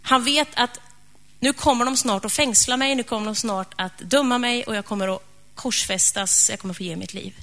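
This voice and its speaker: A woman preacher retelling a story in a lively, conversational sermon. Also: on the high side.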